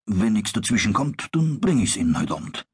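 An actor playing a kindly, easily flustered old master carpenter who grumbles and swears mildly. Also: male voice, on the low side, sing-song, fairly quick, breathy edge, heavily acted. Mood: reassuring. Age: older. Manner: grumbling, exasperated oaths.

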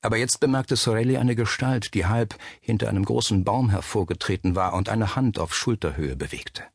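A man reading a suspense novel aloud as narrator, measured and steady. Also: fairly low pitch, creaky, husky, no echo, studio quality. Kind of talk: scripted audiobook narration.

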